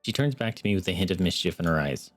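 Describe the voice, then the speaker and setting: A man's voice: low-pitched, animated, fast talker, no echo, soft background music. A young man streaming, earnestly reading a story game aloud and adding wry asides. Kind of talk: reading a visual novel aloud with commentary.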